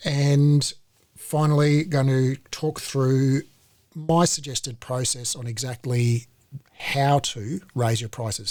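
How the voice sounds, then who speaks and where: A man, a company CEO, hosting a live online webinar in a relaxed, conversational way, with fillers and restarts, over a video call. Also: medium pitch, dry recording.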